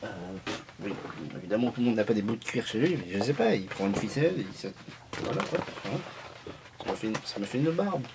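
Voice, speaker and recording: A man's voice: on the low side, very animated, brisk, background noise. Rambling, hesitant man vlogging at home. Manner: rambling, hesitant, joking, many restarts. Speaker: vlogger reviewing a film. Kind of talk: casual chatty film review.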